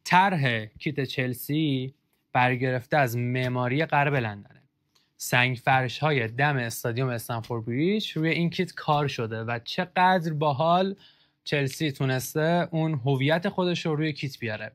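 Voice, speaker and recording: A man's voice: mid-range voice, a bit bright. A young man hosting a casual football kit review, joking and sarcastic as he reads out comments.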